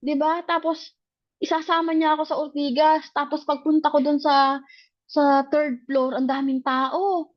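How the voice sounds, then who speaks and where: High-voiced woman telling her story. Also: measured pace, no echo, muffled recording. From grew up in the provinces. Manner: animated, acts out quoted dialogue. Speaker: speaker sharing a personal testimony. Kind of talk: storytelling, casual testimony.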